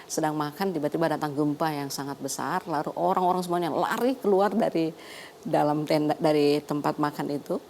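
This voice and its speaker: An older woman with a low voice speaks as a guest in a TV studio interview. She tells her story in a lively way and laughs often. A faint hiss sits under her voice. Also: brisk. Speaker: doctor and guest. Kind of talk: talk show interview.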